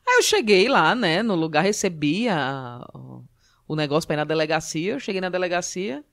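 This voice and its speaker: A woman from Northeast Brazil speaks with her Northeastern accent. She chats casually as a podcast guest, telling comic stories in an animated way and acting out the voices of the people in them. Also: on the low side, moderate pace. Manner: lively, animated storytelling with acted quotes. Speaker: stand-up comedian guest.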